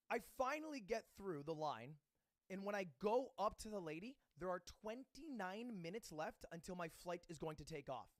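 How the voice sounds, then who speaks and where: Animated male streamer telling a story. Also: high-pitched, no echo, studio quality. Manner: animated, self-mocking, acts out other people's voices. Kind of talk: casual storytelling to a stream chat. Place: home streaming setup.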